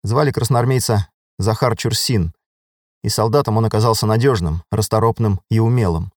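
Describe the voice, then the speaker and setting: A man narrating an audiobook in a steady, even storytelling voice. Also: lowish voice, normal speed, no echo, clean studio sound. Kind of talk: scripted narration.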